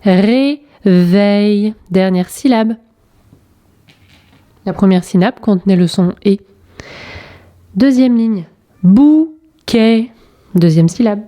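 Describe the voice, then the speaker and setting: Schoolteacher, woman; unhurried, mellow, spells each sound out for small kids. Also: mid-range voice. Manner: spells out letters and sounds deliberately. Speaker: primary school teacher. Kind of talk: slow, clearly articulated lesson correction for young children.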